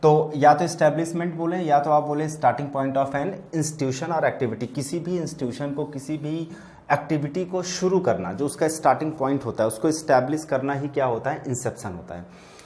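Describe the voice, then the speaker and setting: A man's voice: fairly high pitch, darkish tone. A man teaching a vocabulary lesson to exam students, explaining patiently and checking in with them often. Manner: explains patiently, addresses students as children, repeats "theek hai".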